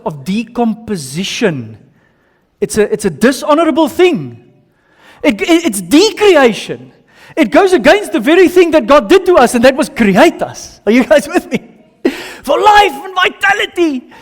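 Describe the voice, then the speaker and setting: A man's voice: very high voice, very animated, normal speed. A man with an Afrikaans South African accent preaching a sermon in emphatic short phrases, repeating himself and putting questions to his listeners. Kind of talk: sermon with slides and audience questions. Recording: long hall reverb.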